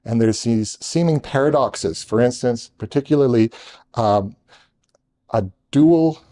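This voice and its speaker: A man's voice: medium pitch, warm tone. A man presenting a technical talk to a live audience in a conference room, hurrying with restarts and joking asides to the room. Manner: rushed, talking fast with restarts.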